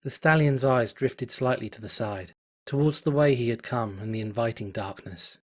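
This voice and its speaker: At home, a fanfiction reader narrates a fan story in a measured, dramatic way, building suspense steadily from line to line. His pitch is an ordinary, mid-range male one.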